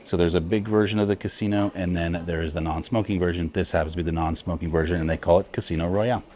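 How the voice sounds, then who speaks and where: A man co-hosting a travel vlog walks viewers around a cruise ship, indoors and on the open decks, in an easygoing, talkative way, laughing between remarks. His voice is low and mellow with fairly even intonation and a quick pace, and the recording has its highs cut off.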